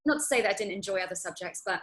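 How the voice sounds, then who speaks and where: A woman's voice: medium pitch, very fast, a bit bright, slight background noise, low-quality recording. A woman in her thirties, raised in the UAE, guest on an interview, talking casually in a rambling way with many fillers and restarts. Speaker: guest actress.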